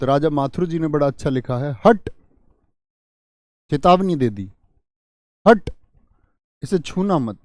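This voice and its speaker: A man's voice: a little high, darkish tone, no room sound, clean studio sound. A man teaching a Hindi grammar class online, reading viewers' comments and acting out example exclamations. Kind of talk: online exam-prep class.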